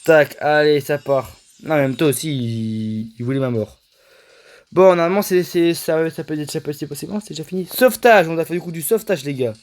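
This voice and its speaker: A young man giving casual, excitable commentary on his own gameplay, often stammering and repeating himself as he talks to his viewers. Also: a little high, fairly quick, poor audio. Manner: excitable, stammering, addresses viewers as "les gars". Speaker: gaming video creator.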